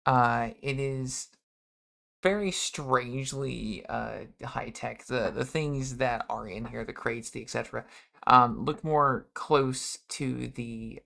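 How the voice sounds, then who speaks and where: A man narrating a tabletop game as game master, describing scenes in a halting way with frequent ums and uhs. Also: mid-range voice, creaky, pushed and bright.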